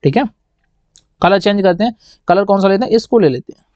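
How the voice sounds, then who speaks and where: High-pitched guy teaching kids maths online, keeps asking what comes next, dry dull recording. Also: lively intonation, fairly quick, a little mellow, dry recording. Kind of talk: online maths lesson for children. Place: indoor teaching setup writing with a pen.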